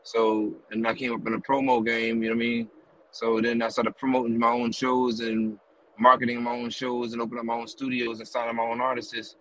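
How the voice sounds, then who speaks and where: Man, from the US East Coast, flat monotone delivery, rambling, filler-heavy, riding in a car. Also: mid-range voice, brisk, low-quality recording. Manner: rambling run-on stories with many fillers and "you know what I mean". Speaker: guest, rapper and music promoter. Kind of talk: casual interview.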